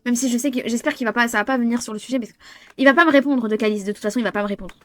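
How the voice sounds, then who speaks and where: A young woman reading game dialogue aloud and reacting excitably, often swearing and restarting lines. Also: on the high side, rapid-fire. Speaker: gamer. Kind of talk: playing a visual novel aloud.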